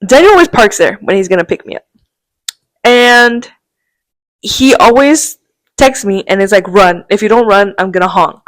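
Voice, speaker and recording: Animated young woman telling a story. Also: mid-range voice, normal speed, long pauses, dry recording. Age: young adult. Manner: animated, rambling, acts out quotes, laughs often. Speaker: podcast co-host. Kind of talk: casual storytelling chat.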